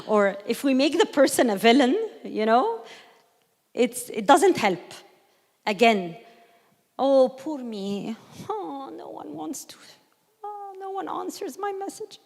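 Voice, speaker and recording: A woman gives a conversational teaching talk to a group, taking her time over each point. She acts out quoted voices and turns to the room with questions. Her voice carries a long reverb from a church hall. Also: mid-range voice. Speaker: speaker leading a workshop.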